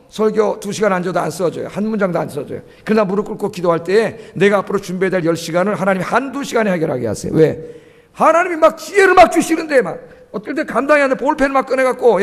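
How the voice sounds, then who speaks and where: A male pastor preaching a sermon, often asking the congregation questions and urging them on with emphasis. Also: sits high. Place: church sanctuary. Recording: long church hall reverb.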